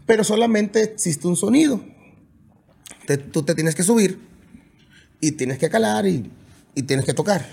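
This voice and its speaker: A man from Mexico, a band musician and singer, telling stories in a casual interview, animated and swearing freely. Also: sits high, unhurried, vocal fry, pauses often, slightly rough. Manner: animated, swears freely, imitates drum hits with his voice.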